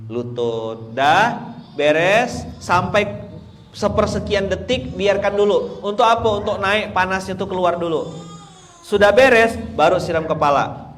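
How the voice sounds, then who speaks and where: A middle-aged man preaching a dawn sermon, joking and swinging between loud and hushed. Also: high voice, measured pace, slight background noise. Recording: distant mic with faint ambience.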